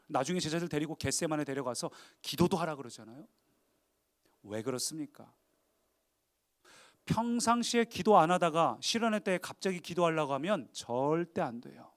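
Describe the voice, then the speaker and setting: A male pastor delivers a sermon with emphatic, dramatic delivery. His voice sits high for a man, and he moves between rising appeals and hushed, explanatory asides.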